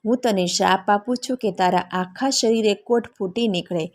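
A woman's voice: mid-range voice, moderate pace, a little mellow, natural voice. A woman voicing an angry goddess who pronounces a curse in a storybook tale, telling it in a stern way.

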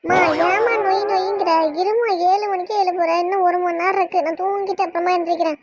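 A woman's voice: very high-pitched, fairly even intonation, quick pace, muffled recording, slight background noise. A woman voicing a whiny, sleepy young daughter in a cartoon, with a Kanyakumari Tamil accent.

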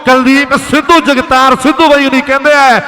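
A man with a Punjabi accent giving excited live kabaddi commentary, chanting names and cheers over and over. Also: extremely high pitch, a little fast. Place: outdoor kabaddi ground. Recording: crowd noise around the commentary.

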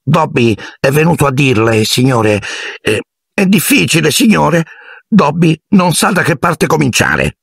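A man reading an audiobook and voicing a tearful, servile male house elf with a piercing, squeaky voice that wails and grovels. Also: big pitch swings, unhurried, gravelly, breathy edge, dry recording, clean studio sound, heavily acted. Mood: fretful. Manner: groveling, overwrought, wailing. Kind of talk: audiobook character voice.

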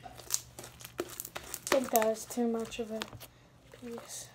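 A fairly high-voiced young female vlogger rambles to her viewers from her bedroom, tossing in little apologies as she goes. Crinkling and clicking sounds sit clearly behind her voice. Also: level tone, slow, heavy background noise. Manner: rambling, chatty, apologetic asides. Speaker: slime vlogger. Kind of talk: casual vlog chat to viewers.

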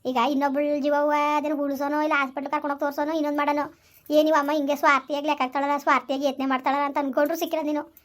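A woman's voice: high-pitched, level tone, very fast, close to an everyday voice. Woman playing a scolding village aunty. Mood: lecturing. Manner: lecturing, rhetorical questions, emphatic. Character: scheming older village aunty, scolding mother-in-law type. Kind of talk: village skit acting.

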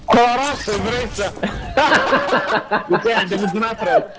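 A man's voice: very high voice, wildly swooping pitch, moderate pace, crowd noise. A man guiding his teammates in casual video game chat, recorded with noise and gunfire behind him.

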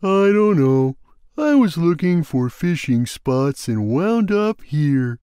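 A man voicing a big, gentle, slow-witted male cat who fishes and talks in a friendly, simple, drawn-out way for a video game. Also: on the high side, very animated, smooth, no echo, studio quality. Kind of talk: game voice lines.

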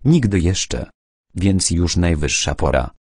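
A man's voice: low voice, very animated, takes it slowly, a little mellow, slightly rough, no room sound, studio quality, heavily acted. A man voicing a stern, commanding army colonel in an audiobook, giving curt orders.

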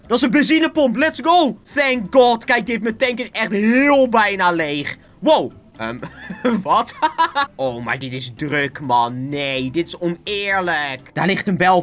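A gaming channel host giving Let's Play commentary, excitable, often yelping and laughing, and peppering their speech with English slang. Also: mid-range voice.

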